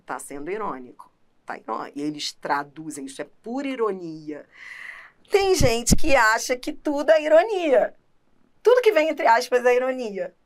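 Uma professora com sotaque brasileiro dando uma aula de gramática animada e enfática, falando direto com o aluno. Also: female voice, a little high. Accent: Brazilian Portuguese. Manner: animated, emphatic, talks straight to the student. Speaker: teacher. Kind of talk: lively grammar lesson.

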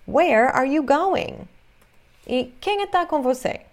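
A woman who speaks as her teaches English in an online lesson, repeating each phrase slowly so it can be copied. Her voice sits a little high and swings widely in pitch as she acts out question words with big gestures. Her pace stays unhurried throughout. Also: expressive.

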